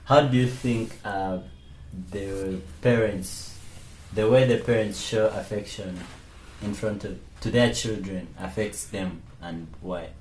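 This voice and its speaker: A man from Uganda interviewing a guest, asking soft-spoken questions with short fillers in between. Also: lowish voice, fairly even intonation, slow pace. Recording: echoey room with faint noise.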